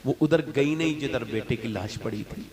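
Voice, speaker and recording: A man giving an emotional sermon at a religious gathering. He moves between soft, tearful storytelling and fervent shouting, and chants verses in a sing-song lilt. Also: medium pitch, moderate pace. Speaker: Islamic preacher. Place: religious gathering before a crowd. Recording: crowd audible behind the voice. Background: audience calling out responses.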